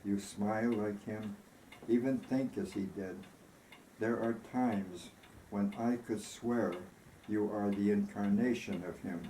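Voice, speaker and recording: A tender, grieving woman in a storybook romance, read by a man in his own fairly low voice. The delivery is earnest, reflective and very slow, in an echoey room. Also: steady tone, dark tone. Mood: tender, wistful. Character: tender, grieving woman recalling her lost love. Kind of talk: storybook reading. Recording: roomy echo, faint background noise.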